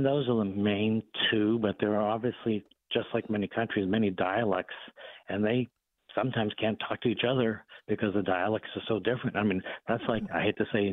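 A man with a Boston accent, a doctor calling in to a radio show, explaining calmly with many fillers. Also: on the low side, dry recording. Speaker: doctor and regular guest. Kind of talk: casual phone-in chat. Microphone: telephone. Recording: phone line.

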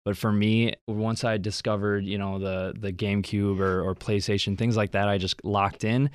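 Low, smooth-voiced young man. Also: level tone, normal speed. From Wisconsin. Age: 20s. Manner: earnest, polite, thankful. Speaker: radio show guest. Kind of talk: casual interview answers.

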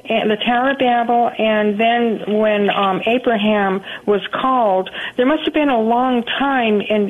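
An older woman calling in over a thin, phone-filtered line. She chats at an ordinary pitch and stops and restarts her sentences often as she works out her question. The sound is narrow and tinny, as a caller heard on radio. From Southern California. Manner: chatty, halting, with many restarts.

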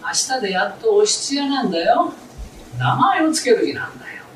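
Brash young dad, played by a male storyteller, high and bouncy, echoey distant hall. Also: big pitch swings, a little fast. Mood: eager. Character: eager, rough-spoken young father, a common tenement man. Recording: roomy, noisy recital hall from afar.

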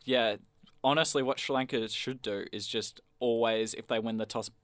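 A man's voice: medium pitch, steady tone, moderate pace, fairly bright tone, dry recording, studio quality. A man co-hosting a casual sports chat, making wry joking asides. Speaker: podcast co-host.

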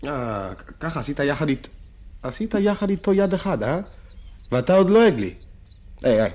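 Jumpy stammery young poet, all worked up, radio play. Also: male voice, on the high side, very animated, a little mellow. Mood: flustered. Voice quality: stammering, indignant. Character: excitable frightened young man, flustered. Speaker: agitated poet telling his story to a doctor. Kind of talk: radio drama acting.

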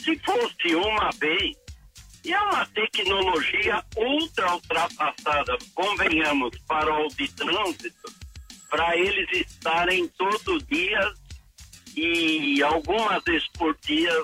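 A man's voice: sits high, big pitch swings, slow pace, sharp tone, soft background music. A man calling in by phone to a radio show, complaining in an indignant, insistent way. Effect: heard over the phone. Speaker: radio call-in listener.

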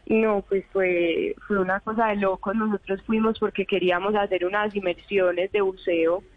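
A woman's voice: mid-range voice, moderate pace, no echo. Paisa girl in her 20s calling into the radio, talks in a rush w/ lots of fillers, thin phone-line audio. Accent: Colombian paisa. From Medellín, Colombia. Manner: chatty, animated retelling with paisa fillers. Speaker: phone-in interviewee, evacuated tourist. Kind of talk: live radio phone interview. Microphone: telephone.

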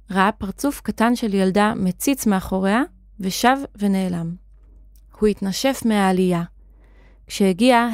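Woman, children's story narrator, expressive, middle pitch, dry close recording. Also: dry recording.

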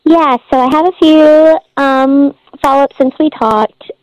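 A woman's voice: sits high, fairly even intonation, a little slow, a little mellow, dry recording. A woman calling in to a radio show, her voice disguised by a morphing voice changer, talking hesitantly with many fillers. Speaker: radio call-in caller. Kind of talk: casual phone chat. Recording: dull lo-fi phone line.

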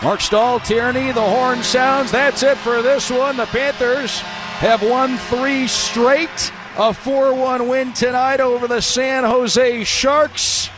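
A man doing rapid, excited hockey play-by-play as a radio announcer, shouting when goals come. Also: very high-pitched. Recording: radio broadcast over loud arena noise. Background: loud arena ambience.

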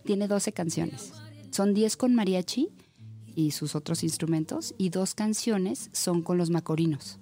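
A young woman singer with a Mexican accent, chatting as an interview guest and telling stories in a lively way, often laughing. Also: fairly low pitch, unhurried, faint music behind. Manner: lively storyteller, laughs often, acts out quoted dialogue. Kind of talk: casual interview chat.

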